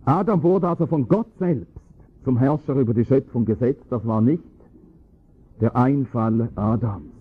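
A man preaching a sermon, explaining scripture with emphatic, rising stress on key points and a husky voice. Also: mid-range voice, a little slow. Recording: tinny phone-like lo-fi recording.

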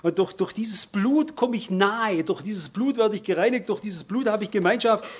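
A middle-aged man preaching a sermon. He speaks emphatically, slowing and swelling on key words before dropping quiet again. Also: high-pitched, husky.

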